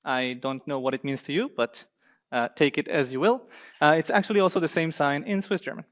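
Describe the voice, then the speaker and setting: A young man from Israel giving a conference talk on slides in a university seminar room, lively and joking with the audience now and then. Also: a little high, brisk. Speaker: guest speaker.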